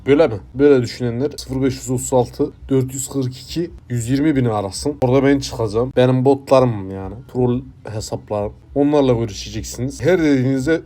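A man playing a washed-up former television personality in a comedy sketch, muttering low and self-deprecating. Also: a little fast, few pauses, warm tone, natural voice. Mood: gloomy. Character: washed-up male former TV personality running troll accounts.

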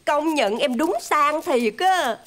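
An actress playing a nosy, boastful single neighbor who mocks others, speaking with a Southern Vietnamese accent. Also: female voice, sits high, expressive, slow pace, a bit bright, exaggerated voice. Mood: fake-sympathetic. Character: nosy, smug single woman who loves to gossip. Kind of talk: TV drama acting.

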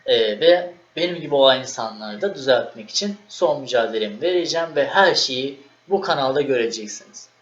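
A man's voice: medium pitch, a little fast, few pauses. Young man telling a story, echoey room. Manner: animated, acts out his own quoted lines. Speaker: vlogger. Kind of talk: casual storytelling to camera. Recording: echoey room, dull lo-fi sound, faint noise.

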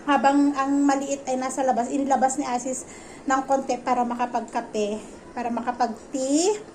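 A woman in her thirties, a mother vlogging casually from her home kitchen, chatty and soft-spoken. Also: sits high, slight background noise, low-quality recording. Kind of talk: casual home vlog chat.

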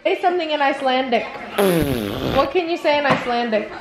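A woman's voice: sits high, quick pace, over music. A young woman working as an au pair, chatting casually to her phone camera and cooing at children in a raised, bubbly voice. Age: young adult. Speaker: au pair vlogger. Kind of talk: casual vlog chat. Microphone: handheld phone. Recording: noisy phone recording.

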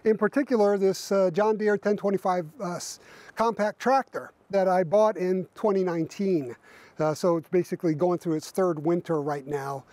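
A man in his fifties, standing outside by a barn in winter, reviews his tractor for the camera in a casual way, full of fillers and restarts. His voice is high and darkish in tone, his pace normal, and the recording is dry.

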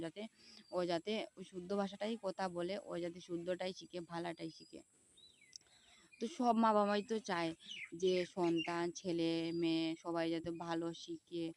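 Standing outdoors beside a pond, a vlogger in her thirties from Tripura, India, chats casually with her viewers in a Sylheti accent, repeating herself as she explains. Her voice is lowish with a darkish tone, and there's a little hiss or hum.

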